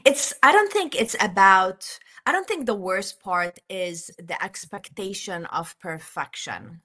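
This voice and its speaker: Earnest and deliberate, a Jordanian woman recounts her personal story as an interview guest. She sounds animated, with a medium pitch and a sharp tone.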